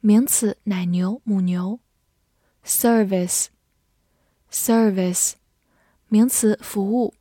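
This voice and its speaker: A woman teaching English vocabulary in a clear, patient way, spelling out words and reading model sentences slowly. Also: mid-range voice, fairly even intonation, mellow, dry recording, studio quality. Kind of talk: vocabulary lesson.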